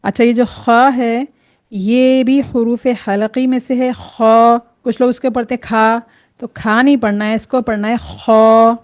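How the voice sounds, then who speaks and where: A woman teaching Quran reading, explaining each Arabic letter patiently and sounding it out slowly to demonstrate. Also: fairly high pitch, steady tone, darkish tone.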